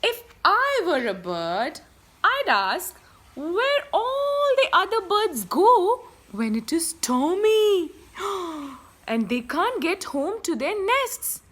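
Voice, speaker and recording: A young woman reads a picture book aloud to her child in a high, bright voice. Her pitch swoops widely as she gasps and plays with the words. She takes her time over every line. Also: slow pace. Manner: animated, gasping, playful with bird calls.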